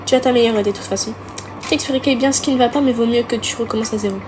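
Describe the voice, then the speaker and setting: A woman voicing a blunt, easily irritated teenage girl who talks in a sharp, scolding way, with game music behind her. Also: on the high side, fairly even intonation, very fast, background noise, close to an everyday voice. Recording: music playing underneath.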